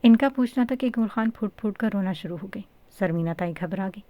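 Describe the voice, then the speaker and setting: A woman narrating a storybook in an even, steady reading voice. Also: mid-range voice, no echo.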